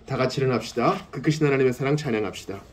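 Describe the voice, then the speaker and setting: A man's voice: mid-range voice, rapid-fire. A man, a pastor, closing his sermon and leading an earnest, pleading prayer in a church. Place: church sanctuary. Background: soft piano accompaniment.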